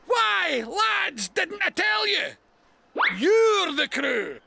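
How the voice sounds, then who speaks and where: Casting: gruff old fisherman type, blustering cartoon skipper, slow delivery, loud music underneath. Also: very high voice, very animated, full character voice. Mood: hearty, bossy. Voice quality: gruff, gravelly. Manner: piratical old-sailor talk, blustering. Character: gruff, daft old sea captain, blustering and bossy.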